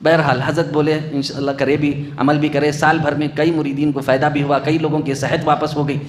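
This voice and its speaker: Preacher guy, pretty high voice, repeats lines in a rhythm, quotes arabic prayers, little hiss behind. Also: flat delivery. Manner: rhythmic repeated phrases, recites Arabic supplications, chuckles often. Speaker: Islamic preacher. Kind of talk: Urdu sermon.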